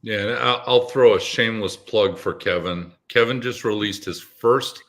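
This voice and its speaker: A man with a very deep, low voice, appearing as a guest in an online interview. He talks in a measured, persuasive way over a video call. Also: a bit bright. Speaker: guest, business advisor. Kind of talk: casual interview talk.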